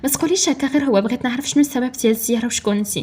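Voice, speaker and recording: An elderly Moroccan matriarch, put on by a woman storyteller, speaks with calm, tired dignity. The voice is fairly high and a touch husky. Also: racing. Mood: calm dignified.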